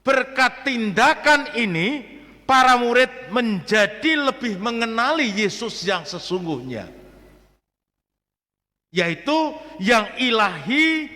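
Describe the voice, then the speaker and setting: A Javanese-accented man, a parish priest, preaching a homily at Mass with lively shifts between formal preaching and joking asides. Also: very high-pitched. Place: church. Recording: long church reverb.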